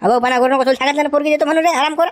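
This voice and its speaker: A woman, playing a flustered middle-aged village uncle who scolds excitably. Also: high voice, racing, natural voice. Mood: scolding.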